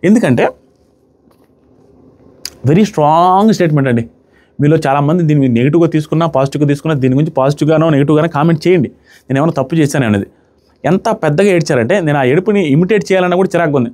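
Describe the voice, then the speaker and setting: Fast-talking, indignant man. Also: a little high, darkish tone. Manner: mocking, indignant, acts out others' crying. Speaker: show reviewer. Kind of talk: animated commentary.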